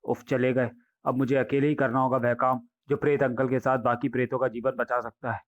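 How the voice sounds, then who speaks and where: A man's voice: medium pitch, level tone, brisk, close to an everyday voice. A man voicing a small innocent girl who pleads and runs after someone. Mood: determined.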